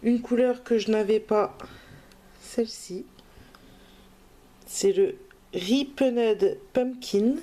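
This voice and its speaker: French-speaking crafty lady doing a haul, slow and mellow, lots of ums. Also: fairly high pitch. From France. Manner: slow, hesitant, with many fillers. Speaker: crafting vlogger. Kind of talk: casual haul video.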